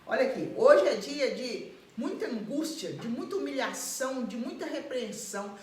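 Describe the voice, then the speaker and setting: A woman preaching a live sermon in an animated way, acting out the voices of people she describes. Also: high voice, normal speed. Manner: animated, acts out quoted voices and laughs. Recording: echoey room.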